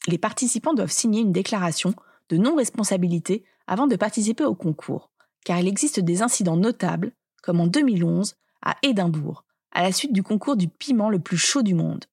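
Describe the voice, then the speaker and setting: A woman delivers scripted documentary narration with a slightly husky edge to her voice. She speaks at a middle pitch, explaining each point in a measured, orderly way. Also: animated, darkish tone.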